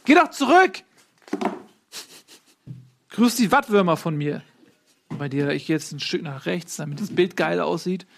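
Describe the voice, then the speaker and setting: High-voiced host guy, jokey and teasing, moving the chat along. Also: moderate pace, gravelly. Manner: teasing, joking. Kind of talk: casual football chat.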